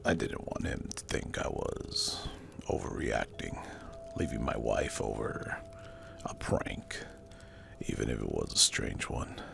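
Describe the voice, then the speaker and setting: A man narrating a scripted first-person horror story as hushed ASMR, with a breathy, gravelly, spooky delivery. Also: extremely low pitch, animated. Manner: slow, hushed, deliberate and spooky. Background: music.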